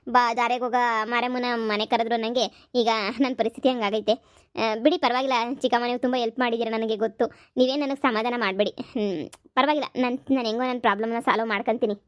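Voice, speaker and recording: A woman's voice: on the high side, steady tone, fairly quick, no room sound, clean studio sound, close to an everyday voice. A woman voicing a troubled young woman in a cartoon, talking in a resigned, complaining way. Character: troubled young woman, sad and self-pitying.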